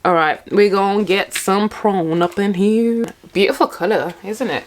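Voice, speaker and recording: A woman vlogger talks casually to camera over a meal. Her voice sits at an average pitch, and she tells stories in an animated way, sometimes speaking with food in her mouth. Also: moderate pace, a little hiss or hum. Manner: animated storytelling, acting out quotes; talks while eating, mouth sometimes full. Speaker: English teacher. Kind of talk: casual mukbang chat to camera.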